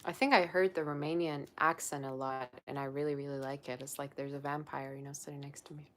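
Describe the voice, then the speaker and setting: Deep-voiced and steady in tone, a young woman talks fast on a livestream as a psychic tarot reader, reading out viewer comments. The recording has a slight hiss or hum. Her casual chatter rambles, with "like" used frequently as filler.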